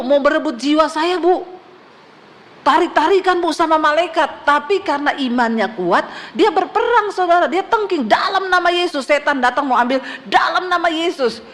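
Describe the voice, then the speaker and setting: A middle-aged woman pastor preaching a sermon, telling stories quoted voices and humor, traces of speech. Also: high voice.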